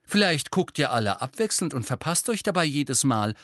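Hermine: a man doing a brisk, bossy teenage girl. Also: fairly high pitch, very animated, dry recording, clean studio sound, voice pushed up. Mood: sharp. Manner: brisk, sharp, lecturing.

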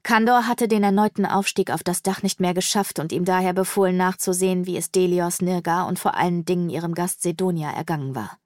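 A woman narrating a fantasy novel in the first person with steady, measured storytelling. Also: fairly low pitch, no room sound, studio quality. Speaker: audiobook narrator.

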